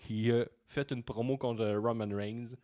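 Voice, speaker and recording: A man's voice: mid-range voice, a little slow. A young man with a Quebec French accent co-hosting a casual wrestling podcast, retelling matches animatedly. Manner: animated storyteller, acts out wrestlers' lines. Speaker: podcast co-host. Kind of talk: casual chat.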